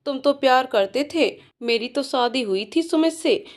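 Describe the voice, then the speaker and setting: A woman's voice: high-pitched, lively intonation, normal speed. A woman voicing a grieving young widow, tearful and accusing in her lines. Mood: bitter. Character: grieving young widow, bitter new bride.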